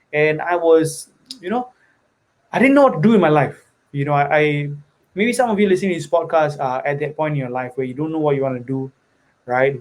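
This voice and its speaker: With a slightly high, somewhat mellow voice, a young Singaporean guest investor earnestly recounts his life in a podcast conversation. He frequently checks in with "right?" and "you know".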